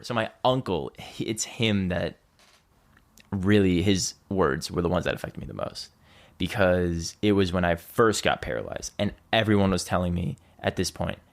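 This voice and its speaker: A man's voice: sits low, vocal fry. A young man, a podcast guest, telling a personal story in a loose, chatty way and acting out what people said. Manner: loose and chatty, heavy on "like", acts out quoted lines. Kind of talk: casual storytelling conversation.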